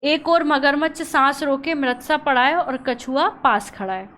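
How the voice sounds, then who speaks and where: A woman's voice: sits high, measured pace, a bit bright. A woman teacher reading a lesson story to children and explaining each scene plainly.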